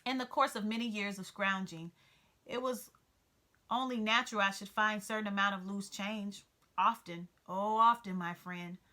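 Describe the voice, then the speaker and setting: A woman's voice: medium pitch, fairly even intonation, moderate pace, bright, forceful tone, lightly acted. A woman voicing a fussy, sentimental male mouse who talks in a whiny, pitiful, dramatic way, reading a storybook aloud. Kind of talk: storybook read-aloud character voice.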